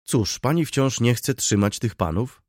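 A man voicing a stern middle-aged judge in an audiobook, asking measured questions. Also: mid-range voice, expressive, darkish tone, no room sound, clean studio sound, voice pushed up. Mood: questioning. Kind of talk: audiobook reading.

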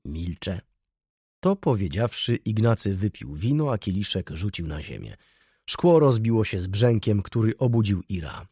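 A man narrating an audiobook in an expressive reading voice. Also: on the low side, moderate pace, slightly rough, no echo, clean studio sound.

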